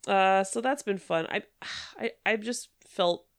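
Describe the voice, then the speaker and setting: A woman's voice: mid-range voice, slow, clean tone. A woman hosting a casual podcast, giggly and chatty, congested with a cold and a blocked nose. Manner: giggly, frequent filler "like". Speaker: podcast host.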